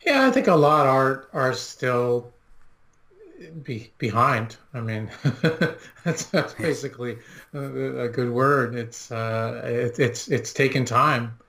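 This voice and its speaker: A man co-hosting a podcast in casual discussion, speaking haltingly and often restarting his words. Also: medium pitch, lively intonation, a bit bright. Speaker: podcast co-host.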